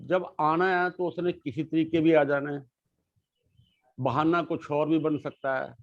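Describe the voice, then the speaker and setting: A middle-aged man, a guest sharing his life story in casual conversation, reflective and earnest, often pausing and restarting. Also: a little high, steady tone, no echo. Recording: dull lo-fi sound.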